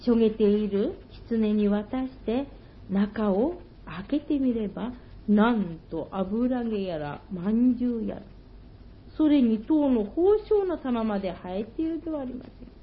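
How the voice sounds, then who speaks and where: A woman telling an old folktale slowly and gently, in old-fashioned storytelling phrasing. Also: a little high, animated. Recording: dull lo-fi recording.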